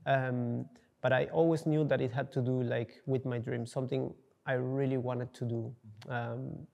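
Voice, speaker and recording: A young Peruvian man with a gravelly, warm voice answers casual interview questions about his work as a coffee entrepreneur, stumbling through many fillers and restarts as he searches for words. His mid-range voice stays level at a normal speed, and the highs are cut off. He sits in a dark indoor studio.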